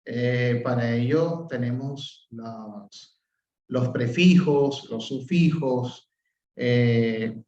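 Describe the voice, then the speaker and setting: A man with a Venezuelan accent teaching an open class, explaining step by step, filling pauses with "eh" and checking in with "¿ok?". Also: mid-range voice, dark tone. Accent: Venezuelan Spanish. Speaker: professor. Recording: roomy, distant, dull sound.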